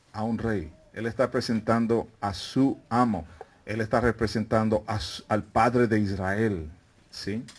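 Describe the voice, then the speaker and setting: A male preacher with a somewhat low voice teaches a Bible lesson in a meeting room. He keeps questioning his listeners and calls them brethren. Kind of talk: interactive teaching sermon. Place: meeting room with a live congregation.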